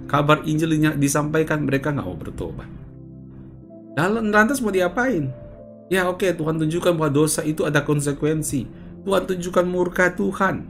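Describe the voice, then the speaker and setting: A man delivers a devotional sermon with a lively, swooping voice. He preaches conversationally and keeps asking the listener questions. Faint music plays behind him. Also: on the high side. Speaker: pastor.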